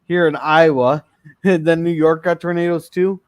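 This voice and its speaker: A man's voice: fairly high pitch, steady tone, normal speed, clear, resonant tone, dry recording. A man co-hosting a live-streamed classic TV review show, chatting casually with frequent restarts and fillers.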